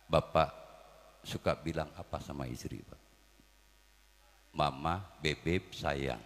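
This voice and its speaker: A man preaching a comic sermon, swinging between loud calls to the crowd and quiet asides. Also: sits low, in a large hall.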